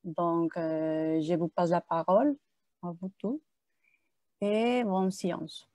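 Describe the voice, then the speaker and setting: A woman moderator introduces the day's speakers at a slow, halting pace, stopping often to search for words. Her voice is low and mellow, with a dry, close sound from a video call. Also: no echo. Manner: hesitant, many pauses and fillers. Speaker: seminar moderator.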